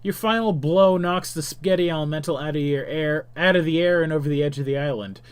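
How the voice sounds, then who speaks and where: A man hosting a game stream reads the on-screen text aloud as he plays. His voice sits a little high, and he drops into casual, chuckling asides between the narration. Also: quick pace, clean tone. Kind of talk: reading game text aloud while playing.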